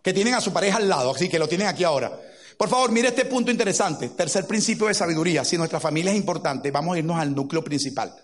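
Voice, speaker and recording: Animated high-voiced man preaching. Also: quick pace. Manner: animated storytelling with acted-out quotes. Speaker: pastor. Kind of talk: sermon.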